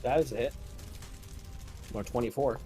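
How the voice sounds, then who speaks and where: A man's voice: mid-range voice, moderate pace, dark tone, faint music behind. A man running a tabletop role-playing game as game master, describing monsters and explaining rules.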